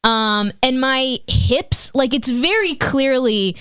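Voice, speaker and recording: A woman's voice: sits high, lively intonation, slow, fairly bright tone, clear, resonant tone, no echo, studio quality. A young woman co-hosting a podcast in casual chat, frank and crude, with comic exaggeration. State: pregnant, exhausted. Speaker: podcast co-host.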